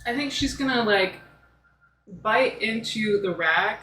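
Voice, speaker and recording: A woman's voice: on the high side, lively intonation, slow, fairly bright tone. A woman playing a tabletop game, describing actions in a chatty way full of fillers. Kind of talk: casual tabletop role-play. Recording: echoey room, faint noise.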